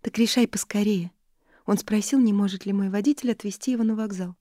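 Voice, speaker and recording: A soft, tender friend, put on by a woman reading a novel, her voice lifted and kind. It has a warm, mellow color. The recording is dry and close. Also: mid-range voice, a little fast, no room sound, voice pushed up, natural voice. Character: gentle, affectionate older woman friend. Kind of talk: audiobook character reading.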